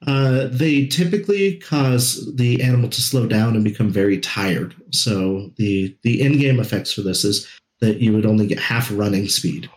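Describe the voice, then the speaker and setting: A man narrating as game master in a relaxed way, with frequent ums and uhs. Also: on the low side, moderate pace, reverberant, rough recording.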